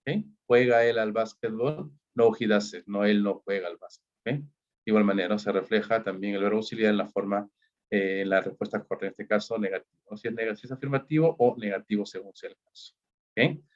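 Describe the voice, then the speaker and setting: A man with a Peruvian Spanish accent teaching an English grammar lesson, who keeps checking in with "ok?" and says the English examples slowly. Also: lowish voice. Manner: checks in constantly with "¿ok?" and "¿no?". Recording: dull lo-fi recording.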